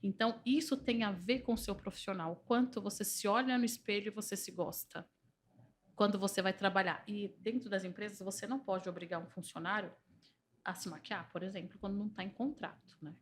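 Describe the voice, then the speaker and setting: A woman speaking with a Brazilian Portuguese accent as a guest in a podcast conversation. She talks in an animated, persuasive way and makes her points through anecdotes from work. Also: medium pitch, brisk, slight background noise. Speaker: entrepreneur and organizational systemic therapist.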